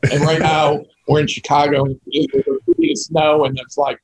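A middle-aged or older man chatting casually as an interview guest, with a gravelly, raspy voice. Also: a little high, sing-song, normal speed, darkish tone, rough recording. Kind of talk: casual chat.

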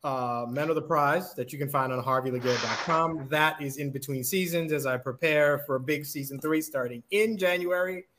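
A man's voice: on the high side, normal speed, hardly any pauses, a bit bright, a little hiss or hum. A man talking casually as a panelist on a podcast.

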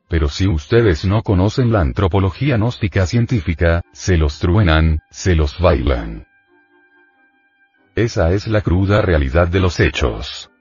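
A deep-voiced man with a darkish tone lectures his students informally as their spiritual teacher, insistent and admonishing as he poses rhetorical questions. The recording is dull and lo-fi, with faint music behind him.

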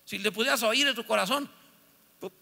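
High-voiced preaching man. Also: animated, moderate pace. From northern Mexico. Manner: builds from chatty asides to loud, fervent preaching. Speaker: pastor. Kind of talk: sermon. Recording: long reverb of a church hall.

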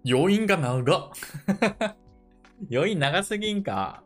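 A man hosting a casual dictation lesson. He thinks aloud and repeats English phrases slowly to check how they sound. His first language is Japanese. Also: a little high, animated, faint music behind. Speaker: podcast host leading a dictation session.

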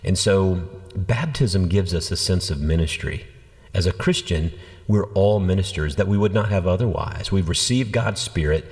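Deep-voiced pastor talking in a reverberant room. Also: male voice, moderate pace. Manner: animated storyteller, acts out quoted voices. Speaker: senior pastor. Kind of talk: conversational church podcast teaching.

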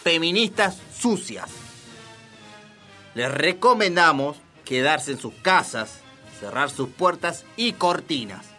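Smug Argentine radio announcer, bright voice, mock-solemn delivery over faint music. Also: male voice, on the high side, expressive, takes it slowly, heavily acted. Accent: Argentine Spanish. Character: smug chauvinist male radio host. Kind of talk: satirical radio sketch.

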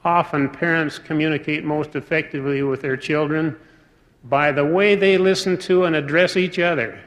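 A man giving a formal sermon in a deliberate, measured way, pausing between phrases. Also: on the high side, steady tone, fairly bright tone. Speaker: speaker. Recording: long reverb of a large hall.

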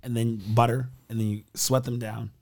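A man's voice: medium pitch, normal speed. A man who is a guest on a podcast, chatting casually, laughing often and telling stories with energy. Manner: laughs often, animated storytelling. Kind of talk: casual chat.

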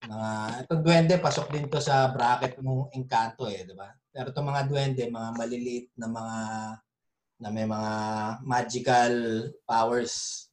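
Male podcast host, mid-pitched voice, relaxed casual delivery. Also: measured pace, a little hiss or hum. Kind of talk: casual drinking-session chat.

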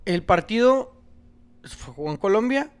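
A man with a Mexican accent in casual sports chat, animated and argumentative, full of slang. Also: high voice, unhurried, smooth.

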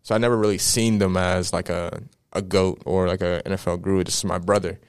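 A young man in his twenties, a football player, answering interview questions in a relaxed, animated way and often tagging "right?". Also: deep voice, fairly quick, clean tone, no echo, studio quality. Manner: animated storyteller, many "right?" tags.

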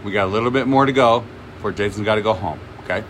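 A man's voice: fairly low pitch, very fast, fairly bright tone, slight background noise. A man co-hosting a casual podcast chat, swearing freely, laughing often and retelling comedy bits. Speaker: podcast co-host.

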